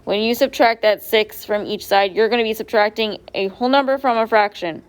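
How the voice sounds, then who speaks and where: A woman's voice: mid-range voice, a little fast, clear, resonant tone. A woman teacher going over quiz answers step by step in a classroom, asking her students questions as she goes. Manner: patient, step-by-step, quizzes students. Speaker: math teacher.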